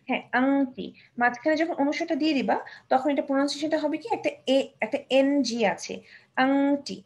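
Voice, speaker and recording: A young woman with a high voice and a gravelly, creaky edge teaches Bangla letters to a child. She is patient and sounds each word out slowly, slipping English terms into her explanations. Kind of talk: children's language lesson.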